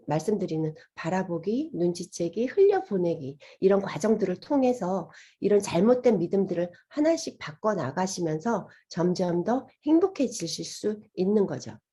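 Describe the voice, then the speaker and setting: A woman's voice: medium pitch, very animated, normal speed, few pauses, warm tone, husky. A woman giving a healing lecture, asking her listeners questions and acting out inner voices as she talks. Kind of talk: gentle lecture to an audience.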